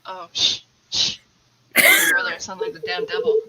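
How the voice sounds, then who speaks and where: A native English-speaking woman who keeps tarantulas chats casually as a live-stream guest, explaining things at great length over a video call. Her voice is extremely high and swoops wildly, with a sharp tone at a normal speed. The recording is rough.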